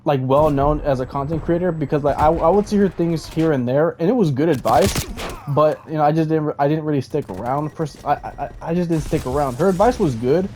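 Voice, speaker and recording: A man's voice: a little high, brisk, a little mellow, a little hiss or hum. A man giving casual rambling commentary, stammering and restarting, often checking in with "okay?". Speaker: commentary vlogger.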